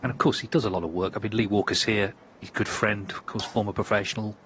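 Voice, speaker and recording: A man giving measured, understated analysis as part of live snooker commentary. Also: lowish voice, fairly even intonation. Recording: crowd ambience and background noise.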